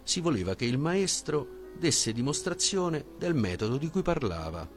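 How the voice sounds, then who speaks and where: A man reading a classic philosophical dialogue aloud in a steady, formal manner. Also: medium pitch, moderate pace, soft background music. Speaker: audiobook narrator.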